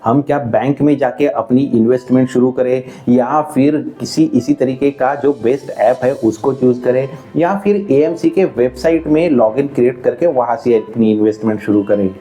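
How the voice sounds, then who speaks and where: Mellow-voiced man explaining finance. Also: mid-range voice, moderate pace, hardly any pauses, faint music behind. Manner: conversational, walks through examples step by step. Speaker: finance educator. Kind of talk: explainer video.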